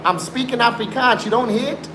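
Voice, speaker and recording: A livestreamer around forty, raised in South Africa, insists on his story to viewers, swearing oaths and mixing in Afrikaans. His voice is extremely high-pitched and brisk, recorded in a roomy space with background noise.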